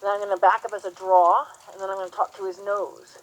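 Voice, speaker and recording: A woman teaching horsemanship, talking softly and soothingly to a horse while coaching a student. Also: mid-range voice, little pitch movement, fast talker, rough recording. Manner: soothing and gentle. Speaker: horsemanship instructor. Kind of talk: hands-on coaching lesson.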